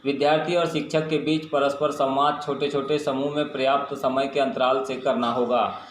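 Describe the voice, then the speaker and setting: A man reading a scripted local news bulletin in a flat, formal manner. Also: mid-range voice, moderate pace. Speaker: news reader. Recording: echoey room with faint noise.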